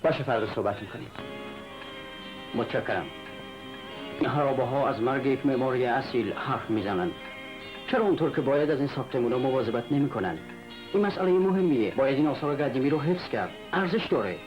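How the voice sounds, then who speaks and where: An actor playing a calm, reserved doctor who speaks in a measured, earnest way in a 1970s film drama. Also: male voice, mid-range voice, lightly acted. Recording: dull 1970s film soundtrack with faint music.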